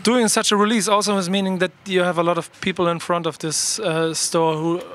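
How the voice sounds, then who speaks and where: A man interviewing a guest, asking hesitant, halting questions. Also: high voice, little pitch movement, a bit bright, a little hiss or hum.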